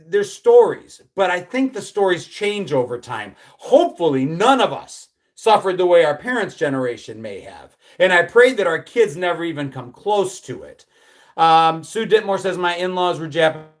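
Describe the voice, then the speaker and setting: An American man in his fifties hosts a live stream with a high voice, chatting casually and reading viewer comments aloud. He rambles, restarting his sentences often.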